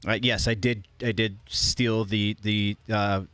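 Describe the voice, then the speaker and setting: A man's voice: lowish voice, little pitch movement, slow pace, fairly bright tone, dry recording. Man, livestream host, casual pop culture commentary, rambling, self-correcting, dry close sound. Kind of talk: casual live news commentary.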